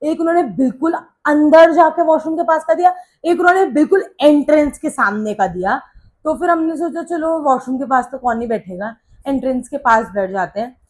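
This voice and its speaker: A young woman vlogger telling a story in a casual, animated way, mixing Hindi with English phrases. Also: sits high, fairly quick.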